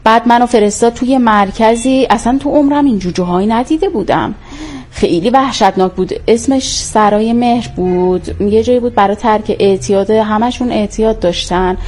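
Brief: woman telling her own story, hesitant, pausing, plain mid-range voice. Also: medium pitch, a little mellow. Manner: halting, hesitant recollection. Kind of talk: personal testimony.

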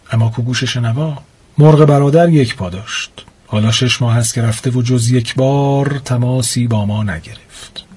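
A man's voice: mid-range voice, husky. Man narrating a tender story. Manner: calm, emotive reading. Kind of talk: scripted narration. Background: faint music.

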